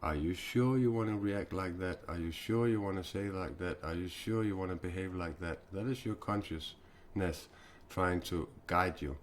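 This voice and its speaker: A Danish man in his forties hosting a spiritual live stream, talking haltingly with many fillers and restarts. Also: deep voice, slight background noise. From Denmark.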